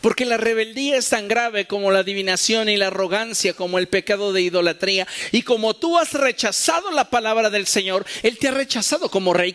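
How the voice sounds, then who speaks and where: High-voiced preacher man in echoing hall. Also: fairly bright tone. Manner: emphatic preaching, rhetorical questions, acted-out dialogue. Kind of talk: sermon. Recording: long hall reverb.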